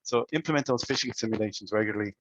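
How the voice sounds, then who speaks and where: A man's voice: fairly low pitch, dull audio, slight background noise. A man with an Irish accent giving a webinar presentation on security, firing questions at listeners and often restarting his sentences. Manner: asks the audience rapid questions with frequent restarts. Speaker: cybersecurity presenter.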